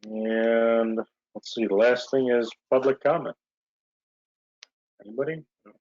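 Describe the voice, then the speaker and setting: A man's voice: mid-range voice, a little slow, no echo. A man chairing a village board meeting over a video call, talking casually with lots of fillers. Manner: relaxed, rambling with many fillers. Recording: muffled lo-fi video call audio.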